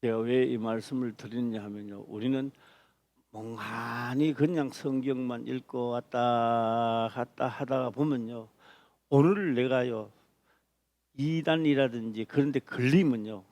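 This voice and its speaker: A man preaching a sermon as a pastor, speaking emphatically with repeated phrases and sudden loud stress. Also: medium pitch, fairly even intonation, unhurried, dry recording. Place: church.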